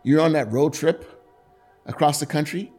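A middle-aged man preaching a sermon in a conversational, animated way, often restarting his sentences. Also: on the high side, normal speed, slightly rough, soft background music. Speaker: pastor.

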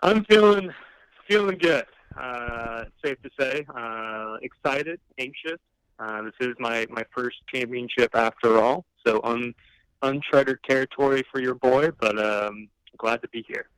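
A man speaks in a calm, measured way, pausing often with fillers as a podcast guest. His voice is smooth and clear, recorded dry and close to the mic. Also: mid-range voice, dry recording, poor audio. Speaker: podcast guest, league finalist. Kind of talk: casual podcast interview.

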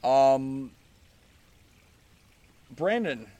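A man's voice: mid-range voice, animated, very slow, warm tone. A man hosting a casual podcast outdoors, joking and swearing through crude banter with friends. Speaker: podcast host. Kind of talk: casual chat.

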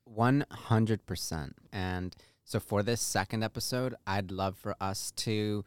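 A man co-hosting a podcast in relaxed, conversational chat. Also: fairly low pitch, slow pace, smooth, dry recording, studio quality. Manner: relaxed, conversational, uses "like" often. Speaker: podcast co-host. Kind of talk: casual chat.

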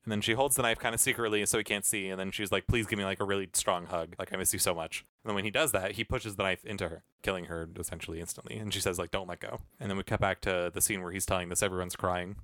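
A man talks quickly through a casual film discussion, his voice low but bright and forward. He is chatty and laughs often. The sound is dry and close. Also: fairly even intonation, no echo. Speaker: podcast co-host.

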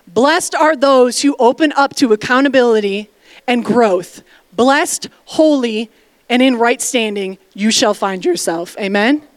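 A woman pastor delivers a sermon in a church sanctuary in a slightly high voice, recorded without echo. She's direct and emphatic, prompting responses from the congregation and slipping in offhand remarks.

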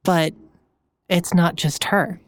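A woman player in casual chat, speaking in a measured way. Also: lowish voice, steady tone, no room sound.

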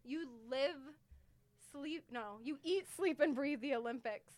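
Animated, high-voiced young woman. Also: unhurried, no room sound. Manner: animated, laughing, acts out dialogue. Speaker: podcast co-host. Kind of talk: casual chat, storytelling. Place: room in Miami Beach.

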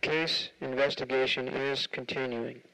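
A police detective dictating case notes in a matter-of-fact, official tone, heard from an overmodulated 1970s dictaphone tape recording. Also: male voice, medium pitch, steady tone, unhurried, vocal fry, background noise.

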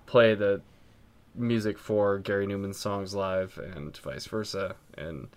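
A man's voice: fairly low pitch, steady tone, slow, clean tone. A man co-hosting a podcast, chatting casually about music and rambling with frequent ums and restarts. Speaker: podcast co-host.

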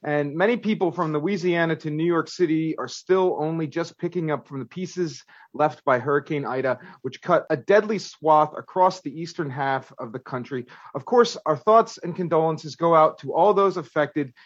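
A man's voice: a little high, moderate pace, hardly any pauses, dry recording, muffled recording. A man hosting a podcast, moving between prepared remarks and conversation. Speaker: podcast host. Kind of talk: podcast hosting, scripted opening and chat.

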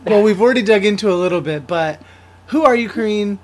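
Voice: medium pitch, fast. Podcast host, playful and laughing a lot, mid-range voice. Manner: friendly, laughs often, playful banter. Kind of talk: casual interview.

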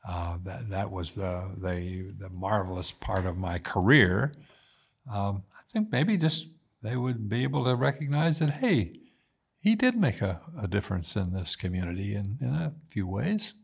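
Gravelly-voiced man in his eighties. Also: fairly low pitch, animated. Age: 80s. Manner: measured, thoughtful, frequent "uh" pauses. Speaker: guest, former mayor. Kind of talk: casual interview talk.

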